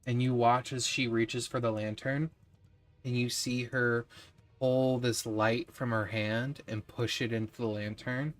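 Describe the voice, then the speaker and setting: A man's voice: mid-range voice, little pitch movement, measured pace. A man narrating as game master of a tabletop game, describing scenes in a descriptive, easygoing way.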